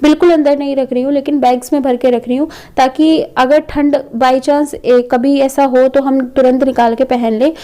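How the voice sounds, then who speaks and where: Woman, 30s, mother-vlogger; casual home narration, high voice, warm and smooth. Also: fairly even intonation, normal speed, hardly any pauses. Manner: chatty, homely, with frequent fillers. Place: home, indoors.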